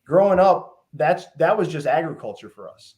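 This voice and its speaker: A middle-aged man from Western Massachusetts, USA, appears as a guest on an interview show, where he's the founder of a fish farm. His voice is fairly high, and he tells stories in a relaxed, casual way with many pauses and lists.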